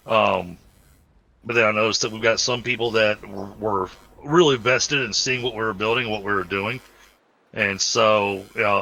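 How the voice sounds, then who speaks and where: The speaker is a Southern American man from the Southern United States streaming a multiplayer game he hosts, making casual game chat with easygoing, rambling, filler-heavy explanations. His fairly low voice is gravelly, pushed and bright. The audio is poor.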